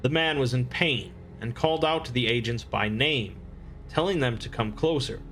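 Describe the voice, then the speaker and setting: A man reading scripted explainer narration in a measured, expository manner. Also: medium pitch, fairly bright tone, slight background noise.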